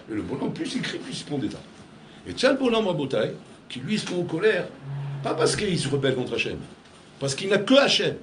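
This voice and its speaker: Animated rabbi in an echoey room. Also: male voice, medium pitch, noisy background. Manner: storytelling with acted dialogue, swings between loud and hushed. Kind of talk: animated sermon. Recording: echoey room with faint ambience.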